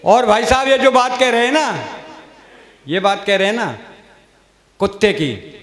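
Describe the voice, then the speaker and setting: A man's voice: sits high, measured pace, fairly bright tone. A man, performing as a comic poet at a kavi sammelan, telling folksy stories and voicing village characters. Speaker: stage comedy poet. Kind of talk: humorous kavi sammelan storytelling. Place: large stage with audience. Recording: roomy hall reverb.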